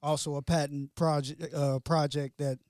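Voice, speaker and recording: A man co-hosting a podcast, talking in a laid-back, drawn-out way and often saying "man". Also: a little high, little pitch movement, a little mellow, no room sound. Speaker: podcast co-host. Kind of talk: casual chat.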